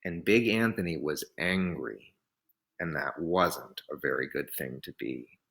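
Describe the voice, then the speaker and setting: A man reading a picture book aloud in an expressive, dramatic storytelling style. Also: a bass voice, unhurried, creaky.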